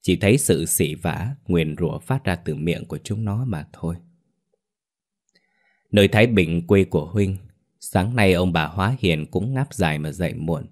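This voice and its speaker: Somber, deep-voiced male storyteller reading a ghost tale. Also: lively intonation, normal speed, a little mellow. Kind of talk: scripted ghost story narration.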